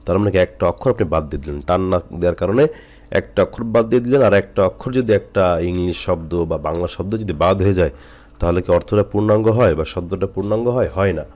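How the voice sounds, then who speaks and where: Low-voiced guy from jessore teaching quran letters, jessore bengali accent, says each sound slow and repeats it. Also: a little mellow. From Jessore, Bangladesh. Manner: patient, drills letters slowly and repeats them. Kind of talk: recitation lesson.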